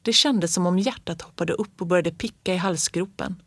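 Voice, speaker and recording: A woman narrating a children's story aloud in a lively, expressive way. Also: on the low side, breathy edge, no room sound.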